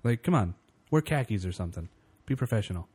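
A man's voice: on the low side, lively intonation, fast, warm tone, slightly rough. A man co-hosting a casual podcast, teasing and pushing his guest with questions. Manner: teasing, pushy. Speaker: podcast co-host.

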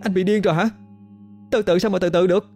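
A man voicing a young village woman who pleads and cries in a high, strained voice. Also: fairly even intonation, fast talker, darkish tone, faint music behind, natural voice. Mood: frantic shouting. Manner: high strained crying pleas.

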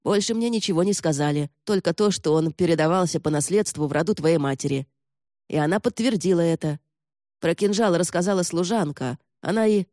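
A woman's voice: lowish voice, fairly quick, warm tone, no room sound, clean studio sound, natural voice. A woman voicing a captured young male thief who begs and bargains in a whiny voice. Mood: bargaining. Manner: whiny, begging.

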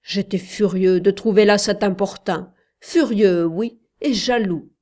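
Woman reading a jealous young guy in love, earnest, slow. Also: medium pitch, darkish tone, natural voice. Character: anxious, lovestruck young man, the narrator himself.

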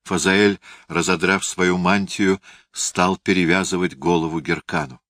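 A man narrating a historical novel as an audiobook reader, in a measured, dramatic reading. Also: low-pitched, steady tone, a bit bright, dry recording, studio quality.

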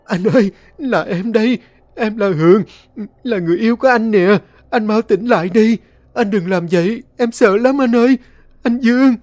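A man's voice: high-pitched, normal speed, darkish tone, dry recording, pitched above the performer's own voice, lightly acted. A man voicing a frightened young woman who pleads tearfully with her lover. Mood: tearful pleading.

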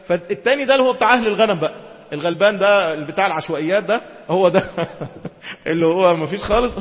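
A man with an Egyptian accent giving an Islamic lecture, switching between classical quotations and quick colloquial asides. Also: on the high side. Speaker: preacher. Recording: dull lo-fi recording in a reverberant hall.

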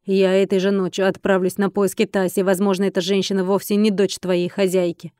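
A woman reader voicing a calm, composed male dragon in human form, who speaks in a measured, confident way close to her own voice. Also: medium pitch, smooth, no echo, natural voice.

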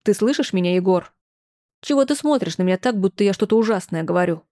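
A woman's voice: medium pitch, expressive, fast, mellow, natural voice. A woman voicing a distraught middle-aged mother who wails and scolds, then gives hard, clipped orders. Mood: stern. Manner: lamenting, reproachful, clipped orders. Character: older mother, shrill, wailing, then stern.

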